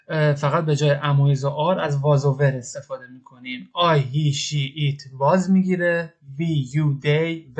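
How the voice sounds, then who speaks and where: A male English teacher with a slightly high voice walks through grammar step by step. He patiently repeats each example slowly and then translates it.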